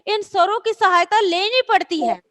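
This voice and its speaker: A woman's voice: very high-pitched, a bit bright. A woman teacher patiently reciting letters and explaining to children in an online class. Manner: slow, patient, drawn-out recitation.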